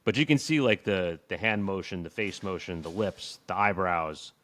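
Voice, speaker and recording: A man's voice: low voice, animated, normal speed, fairly bright tone, no room sound. A man co-hosting a podcast in loose, chatty talk, laughing often and leaning on "like" fillers. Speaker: podcast co-host. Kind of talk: casual tech chat.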